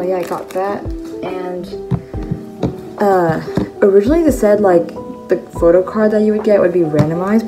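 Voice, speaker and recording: Her voice on the low side, a teenage girl from China casually goes over her merch haul at home, using plenty of "like"s and fillers. The vlog is recorded close-up on a phone camera at her bedroom table. The sound is rough, and music plays underneath.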